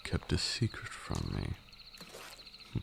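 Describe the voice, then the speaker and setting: In this ASMR roleplay, a man's very deep, gravelly voice portrays an ancient, arrogant vampire lord, a condescending mentor speaking in formal, archaic language. He speaks very slowly with a knowing, teasing air, against a steady backdrop of crickets and night insects.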